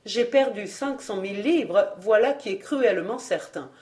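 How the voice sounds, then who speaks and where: A woman's voice: mid-range voice, expressive, a little slow, darkish tone, natural voice. A woman voicing a petty, fussy male royal steward who complains in a self-pitying tone. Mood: plaintive grumbling. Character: fretful middle-aged male royal steward, petty and greedy.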